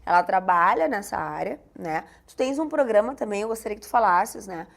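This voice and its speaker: A woman hosting a casual podcast chat, animated and playful. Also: medium pitch, fairly quick, gravelly. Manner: animated, playful, self-mocking. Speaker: host.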